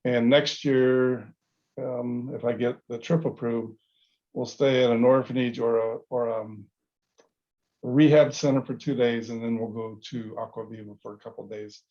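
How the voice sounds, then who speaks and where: A middle-aged man who leads service trips, talking casually in a class discussion and pausing often with fillers and restarts. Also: mid-range voice, fairly even intonation, darkish tone. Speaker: service trip leader. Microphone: video call. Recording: dull lo-fi video call.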